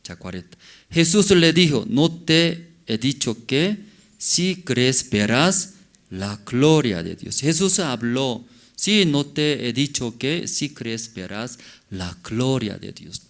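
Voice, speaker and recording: A man preaching a sermon as pastor, in halting non-native Spanish with broken grammar, often asking the congregation questions. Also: medium pitch, big pitch swings. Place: church service.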